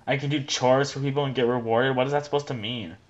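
A young man giving let's play commentary, rambling and joking excitedly as he plays. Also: medium pitch, fast, muffled recording. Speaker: gameplay commentator.

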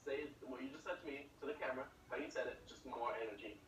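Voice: mid-range voice, quick pace. A director coaching an actress on set, reading lines back to her and asking for more energy. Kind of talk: directing a sketch shoot. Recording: roomy, distant, very noisy.

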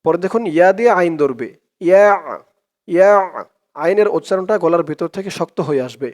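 Male Quran tutor with a Bangladeshi Bengali accent and a high voice, recites and then explains step by step. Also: lively intonation, darkish tone. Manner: recites verse words aloud, then explains the rules slowly and repeats them. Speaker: Quran reading teacher.

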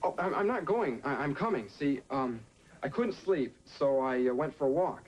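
An actor playing an anxious, secretive teenage son with an American accent, youthful and earnest in a sitcom. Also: male voice, medium pitch, animated, moderate pace, close to an everyday voice. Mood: nervous, evasive. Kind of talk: sitcom acting. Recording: 1980s TV soundtrack, noisy, studio audience.

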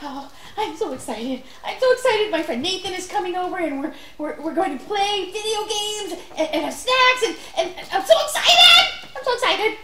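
A performer voicing an excitable puppet kid in a children's social-skills puppet show, gushing and stammering over his words. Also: high-pitched, normal speed, roomy sound, a little hiss or hum. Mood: overexcited. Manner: gushing, repeats himself, stammers when excited.

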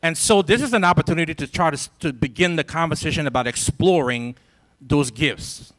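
With a fairly high, fairly bright voice and a fairly quick pace, a man in his forties from Liberia fires up students in a large lecture hall. He is a symposium speaker using a handheld microphone, preaching his motivational message with emphatic, repeated phrases.

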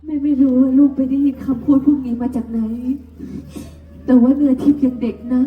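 Woman playing a gentle, long-suffering mother. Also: high voice, fairly even intonation, fairly quick, far from the mic, close to an everyday voice. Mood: pleading. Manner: soft, coaxing, pleading. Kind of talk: live Thai folk stage drama. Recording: dull, echoey live stage heard from afar.

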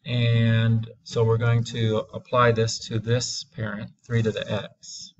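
A man teaching a math lesson, walking through graphs slowly and deliberately, stretching key words for emphasis. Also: mid-range voice, completely flat delivery, dull audio.

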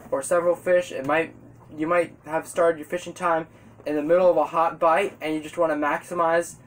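A teenage boy hosting a fishing channel, chatting casually and gesturing a lot as he explains, outdoors on a boat on the water. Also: a little high. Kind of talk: casual how-to vlog.

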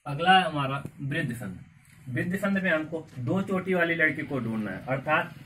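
A man teaching a grammar lesson in a coaching class, slowly repeating words and asking the class questions. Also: a little high, lively intonation, pushed and bright. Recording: far from mic with faint background noise.

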